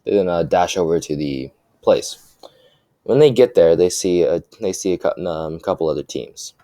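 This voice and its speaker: Low-voiced young man telling a halting story. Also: dark tone, no echo. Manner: halting, full of restarts and fillers. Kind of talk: improvised fan-fiction storytelling.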